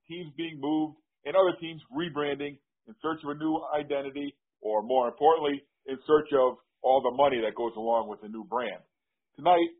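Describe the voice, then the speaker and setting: A man's voice: a little high, husky. Upbeat man hosting a podcast. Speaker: podcast host. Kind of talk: scripted podcast intro. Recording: tinny phone-like audio with faint music.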